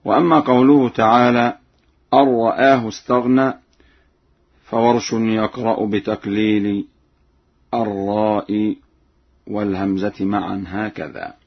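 A man teaching the rules of a Quranic reading tradition in a slow, measured way, pausing to chant the verses melodically as examples. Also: lowish voice, fairly even intonation, husky, highs cut off. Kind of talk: lesson on Quranic reading variants with recited examples.

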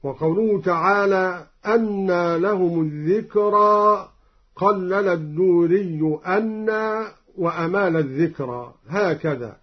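Man, high voice, slow, explains then chants verses, dull lo-fi recording. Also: breathy edge. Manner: measured, alternates plain explanation with melodic chanting. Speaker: Quran recitation teacher.

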